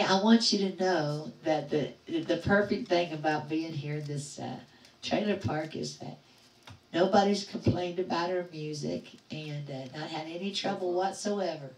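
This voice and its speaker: A woman's voice: deep voice, a little mellow. An older woman hosting a music livestream from her home, chatting cheerfully and greeting viewers by name. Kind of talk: casual chat with viewers. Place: home in a trailer park. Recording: roomy, distant from the mic.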